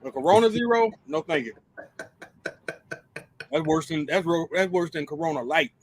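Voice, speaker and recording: Joking laid-back man, slightly high voice. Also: normal speed, background noise. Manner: relaxed, joking, rambling. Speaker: podcast co-host. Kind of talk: casual chat.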